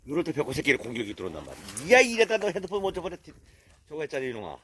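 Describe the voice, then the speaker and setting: Middle-aged man with a lively, rising voice. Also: very fast. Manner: calls dogs loudly and high, then mutters low asides. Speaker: vlogger caring for dogs in the mountains. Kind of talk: casual running commentary to camera. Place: outdoors, windy. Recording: faint wind noise outdoors.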